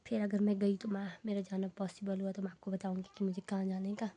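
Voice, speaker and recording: A woman's voice: completely flat delivery, fast talker, dark tone. A young woman in a casual home vlog, chatting to viewers in a rambling, friendly way. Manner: high sing-song baby talk to her child. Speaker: vlogger.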